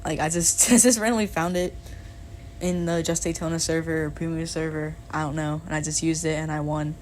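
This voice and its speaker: Talking a little fast in a low-pitched, steady, darkish voice, a young woman casually narrates the history of her racing league as one of its members. Her account wanders and sounds uncertain, with an occasional laugh, over slight background noise.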